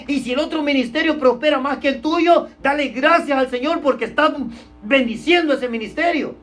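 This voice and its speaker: A male pastor preaching a sermon, stressing points loudly and then dropping to a hush, and often calling his listeners brother. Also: very high-pitched, moderate pace, faint music behind. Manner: emphatic preaching, swinging between loud stresses and hushed drops; keeps addressing listeners as brother.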